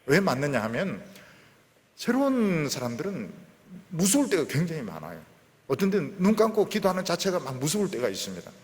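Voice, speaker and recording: A middle-aged male pastor preaching a sermon, swinging between loud emphatic bursts and quiet trailing endings. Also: on the high side, wildly swooping pitch, fairly quick, big-room sound.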